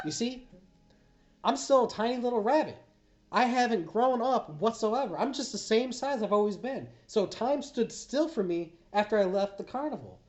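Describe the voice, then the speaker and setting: A woman's voice: fairly high pitch, lively intonation, moderate pace, a little mellow, natural voice. A woman voicing a tiny, stubborn rabbit who never grew up, talking bluntly and insistently. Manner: blunt, insistent, easily confused. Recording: slightly dull lo-fi audio.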